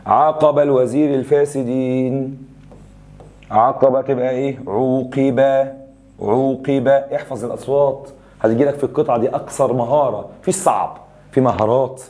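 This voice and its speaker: A young adult man with an Egyptian accent teaching a grammar review lesson, explaining rules and firing quick questions at students. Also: mid-range voice, steady tone, darkish tone. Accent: Egyptian Arabic.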